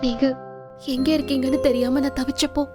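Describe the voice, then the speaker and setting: An actress playing a devoted young wife in a TV serial, tearful and pleading, speaking. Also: female voice, high voice, little pitch movement, fairly quick, loud music behind the voice, close to an everyday voice. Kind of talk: TV serial acting.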